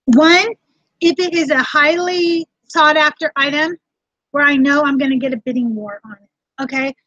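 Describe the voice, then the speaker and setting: A woman with a high, fairly bright voice speaks at a moderate pace with fairly even intonation, hosting a casual livestream tutorial for her reseller vlog and chatting directly to viewers as she explains. The recording is dry, dull and lo-fi.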